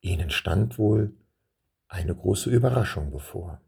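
A man reading a children's story aloud in a calm manner and turning to address his young listeners. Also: low-pitched, measured pace, gravelly, breathy edge.

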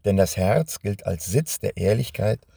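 A man reading a children's story aloud in a calm, expressive way. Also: on the low side, unhurried, creaky, breathy edge, no echo, clean studio sound.

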